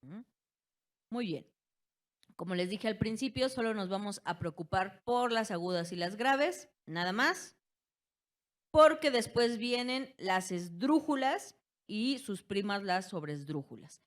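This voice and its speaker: A woman teacher with a Mexican accent giving an online class, slowly stretching key words and checking in with her students. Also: mid-range voice, animated. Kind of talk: online class lecture on spelling.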